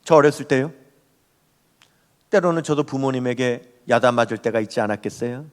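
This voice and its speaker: A man's voice: mid-range voice, fairly quick. A man preaching a Sunday sermon as pastor, talking straight to the congregation and asking it questions. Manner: animated, rising and falling, speaks to the congregation directly. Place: church sanctuary. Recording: long hall reverb.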